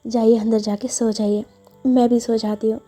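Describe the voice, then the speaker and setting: A woman's voice: on the high side, level tone, normal speed, mellow, faint music behind, natural voice. Woman voicing a teasing young woman. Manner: teasing and coy.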